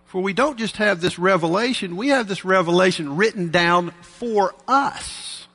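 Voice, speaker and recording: Man at a pulpit microphone, gravelly. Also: sits high, pushed and bright. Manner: measured, earnest, with dry asides. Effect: preaching into a pulpit microphone. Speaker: preacher. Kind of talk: sermon. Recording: long reverb of a large hall.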